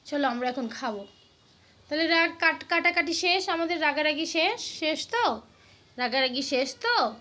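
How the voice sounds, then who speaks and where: A woman's voice: sits high, animated, normal speed, bright, forceful tone. A woman with a Bengali accent vlogging as she coaxes her pet in sing-song baby talk, repeating herself often. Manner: coaxing, sing-song, many repeated words.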